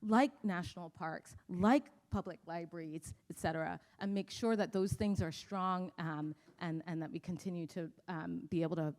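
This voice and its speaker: A woman's voice: on the low side, moderate pace, hardly any pauses, a little mellow. A woman from Barbados speaking as a panelist, thoughtful and earnest, with frequent fillers. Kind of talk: panel discussion.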